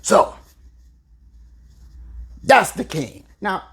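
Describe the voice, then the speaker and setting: Slow-talking hoops podcast host, husky voice, big swoopy pitch, talks right at you. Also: sing-song, fairly bright tone. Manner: emphatic, drawn-out words for emphasis; talks straight to listeners. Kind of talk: solo sports commentary.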